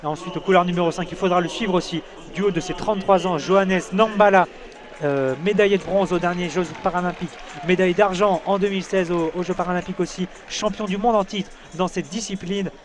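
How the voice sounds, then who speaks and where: A man co-commenting athletics live in audio description at a stadium, lively, calling out results and athlete lists. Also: high-pitched, brisk. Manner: lively, fluent summaries, shouts results. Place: outdoor stadium. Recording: stadium crowd behind commentary.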